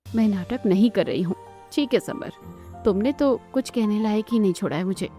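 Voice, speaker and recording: A woman's voice: mid-range voice, normal speed, mellow, soft background music, natural voice. Lady doing a tired young bride in a cartoon, worn out and fed up. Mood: weary.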